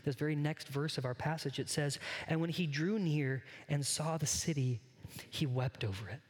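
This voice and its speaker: In a large hall, a pastor with a slightly high voice delivers his sermon at a moderate pace. His earnest, conversational preaching frequently speaks straight to the congregation.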